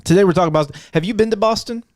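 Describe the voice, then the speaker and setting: A man's voice: high-pitched, rapid-fire, darkish tone, no room sound, clean studio sound. A man from Arkansas co-hosting a podcast, chatting casually, rambling with many restarts and easy laughs. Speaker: podcast co-host. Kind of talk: casual chat.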